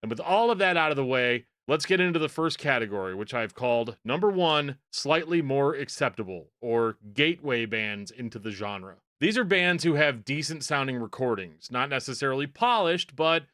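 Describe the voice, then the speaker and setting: A man's voice: mid-range voice, lively intonation, normal speed, few pauses, a bit bright, no room sound, studio quality. A man with a Midwestern American accent hosting a casual list video, chatty and wry as he talks straight to his viewers. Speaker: music video host.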